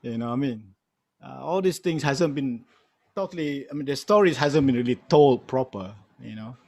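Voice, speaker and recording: This middle-aged man, a music archivist with a Malaysian accent, tells panel anecdotes casually and with emphasis, often repeating phrases and saying "you know." His mid-range voice is creaky and a little mellow at a normal pace. The recording is dry and studio quality.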